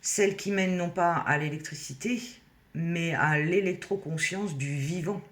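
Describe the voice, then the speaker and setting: Male reader, slow and deliberate, fairly high voice, solemn list-like delivery. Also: a bit bright. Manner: measured, solemn cadence with many pauses. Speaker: reader of a spiritual text. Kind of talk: slow read-aloud narration.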